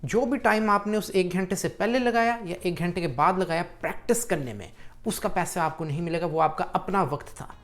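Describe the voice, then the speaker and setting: A man's voice: sits high, a little fast, fairly bright tone. Chatty man giving a money tutorial. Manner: chatty and pep-talking, addresses viewer as brother. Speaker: YouTube tutorial host. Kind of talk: casual screen-walkthrough tutorial.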